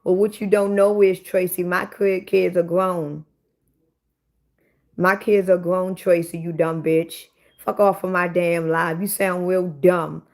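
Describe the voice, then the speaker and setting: Chatting live with her viewers, a woman in her forties bluntly swears back at commenters during a casual stream. She has a lowish, darkish voice with little pitch movement and an unhurried delivery.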